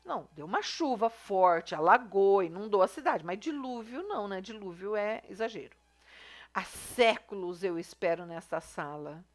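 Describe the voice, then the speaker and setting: In this recorded class review, a female teacher speaks at normal speed in a mid-range voice with lively intonation. Her explanations come step by step in a chatty way, sprinkled with frequent "tá?" and "né?" to check on her students.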